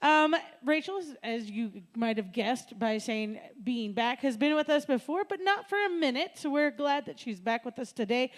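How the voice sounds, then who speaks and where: High-voiced woman radio host. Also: expressive, moderate pace, few pauses. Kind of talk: live radio hosting. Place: radio station live music stage.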